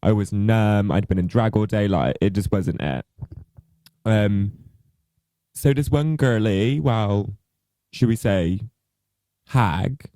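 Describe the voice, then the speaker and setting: Lively, swearing drag queen storyteller. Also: fairly low pitch, takes it slowly, pauses often, dry recording. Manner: animated storytelling, frequent swearing, dramatic quoted voices. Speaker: podcast co-host, drag queen. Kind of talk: casual chat.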